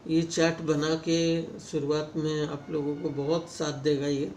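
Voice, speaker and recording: A man's voice: a little high, little pitch movement, a little slow, a little mellow. A man teaching shorthand vowels in a casual lesson, repeating each sound several times and addressing viewers as friends. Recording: echoey room with faint ambient noise.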